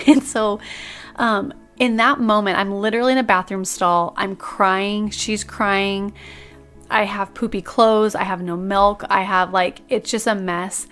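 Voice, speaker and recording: A woman's voice: medium pitch, fairly even intonation, measured pace, fairly bright tone, soft background music. A young woman hosting a podcast, telling a personal story in a casual, chatty way with lots of filler words. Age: young adult. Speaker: podcast host.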